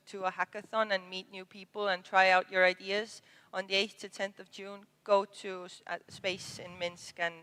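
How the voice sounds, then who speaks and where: A woman's voice: mid-range voice, a bit bright, clean tone. A woman giving a short, hesitant conference talk with many fillers. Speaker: conference speaker. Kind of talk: conference presentation. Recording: hall reverb.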